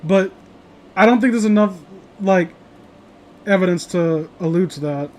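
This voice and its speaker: A male host of a horror story reading show talks unhurriedly in a fairly high voice, trading loose, sweary, joking chatter and rambling commentary on the stories. Background noise and clear hiss mark this as a noisy home recording.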